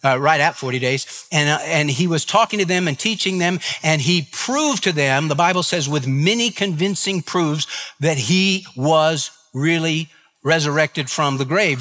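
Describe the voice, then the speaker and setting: A man's voice: on the high side, pushed and bright, in a large hall. A man preaching a sermon as a pastor, retelling a story with emphatic repetition.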